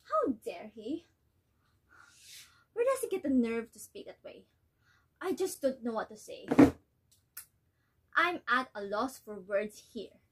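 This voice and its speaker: A woman's voice: on the high side, big pitch swings, a bit bright, a little hiss or hum, heavily acted. A woman playing an angry, wounded mother in a dramatic monologue, theatrical, indignant and despairing. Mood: outraged. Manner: theatrical, indignant, despairing, with drawn-out words and cries. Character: exasperated, angry, wounded mother ranting to her husband. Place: small bedroom, indoors. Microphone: camera a few steps away.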